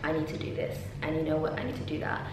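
Her voice sits low and her pace is quick as this chatty young Londoner vlogs to camera with lots of ums and laughter. She's a PhD student filming casually in a university office lab indoors. A camera on the desk starts things off before she switches to handheld selfie, all in a very echoey room with a faint hum.

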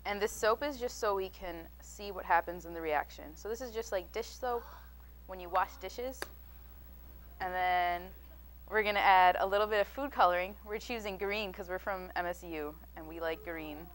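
A woman's voice: medium pitch, moderate pace. A young woman demonstrating chemistry to schoolchildren, giving friendly step-by-step explanations on a studio stage. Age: young adult. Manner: friendly, clear, step-by-step instructions. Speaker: science demonstrator. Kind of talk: explaining a chemistry demo to children. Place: TV studio stage with a child audience.

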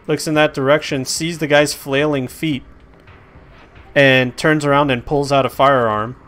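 A man running a tabletop game as game master, narrating the action and calling for rolls in a casual, animated way. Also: on the high side. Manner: casual, animated narration with quick rules calls.

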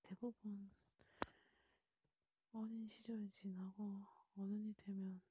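A woman voicing a calm, reassuring Grim Reaper who guides a soul, in a breathy ASMR role-play. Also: medium pitch, slow pace. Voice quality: breathy, unvoiced. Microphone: close mic, dry.

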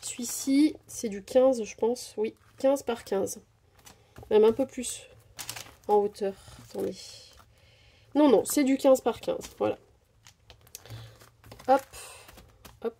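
A craft vlogger of Portuguese descent casually narrates a supply haul at her table, filmed from above with only her hands in view. Chatty yet hesitant with many fillers, she speaks slowly and pauses often in a warm, fairly high voice with vocal fry. There's a little hiss or hum.

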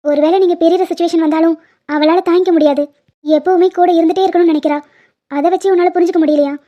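A woman's voice: very high-pitched, steady tone, fast, dark tone. A woman voicing a bossy young college student who lectures her friend in a cartoon. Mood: warning. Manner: scolding, lecturing. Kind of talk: animated cartoon voice acting. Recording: dull lo-fi sound.

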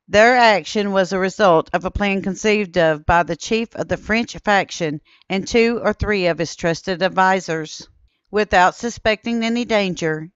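Woman reading a history doc, smooth clear voice, dry slightly dull sound. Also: medium pitch, no echo. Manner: steady, measured reading that quotes old newspaper sources. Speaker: history channel narrator. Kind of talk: scripted documentary narration.

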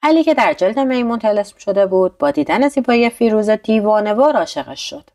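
A woman narrating a bedtime story in a calm, steady storytelling manner. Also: a little high.

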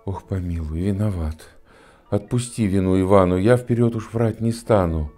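A man's voice: sits low, normal speed, warm tone, soft background music, lightly acted. A man in his sixties voicing a simple young peasant lad who makes excuses and pleads. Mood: pleading. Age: 60s.

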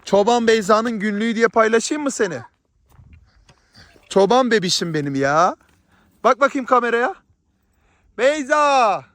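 A man's voice: high-pitched, moderate pace, pauses often, a bit bright, no room sound. A man from Southeast Turkey vlogging outdoors in a rural village, chatty and playful with a teasing manner. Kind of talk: casual vlog chat.

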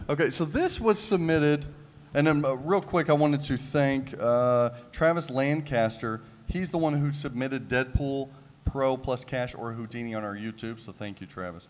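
A man hosting a live panel at a convention, playful and lively as he quizzes his co-hosts and the audience. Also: mid-range voice, moderate pace. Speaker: podcast host running a live panel. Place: convention panel room, large hall. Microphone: table mic on a stand. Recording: hall reverb from a convention room.

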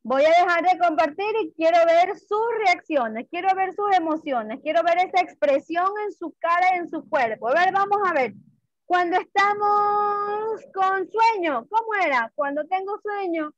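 A woman teaching an online class for young children, acting out emotions in a slow, sing-song way. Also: extremely high pitch, expressive, no room sound. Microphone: video call. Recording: dull lo-fi video call audio.

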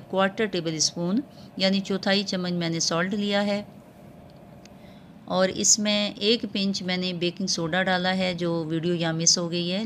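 A cooking channel host voices over a home cooking tutorial in a low, even tone. She stays calm and explains patiently, often filling pauses with small hesitation sounds. A faint hiss runs in the background.

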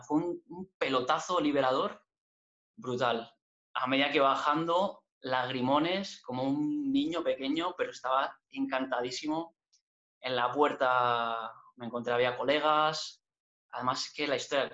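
A man's voice: medium pitch, fairly bright tone. A man telling a heartfelt story with emphasis in a casual chat. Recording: slightly dull audio.

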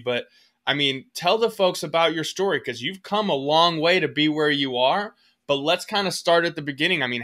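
A man's voice: a little high, sharp tone. A man hosting a motivational podcast interview, upbeat and emphatic with hype-man energy. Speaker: podcast host.

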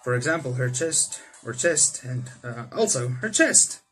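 Reading a visual novel aloud for a gaming video, this young man adds theatrical, exclamatory remarks while game music plays in an indoor room. His medium-pitched voice swings widely in pitch at a measured pace, with a fairly bright, slightly rough tone.

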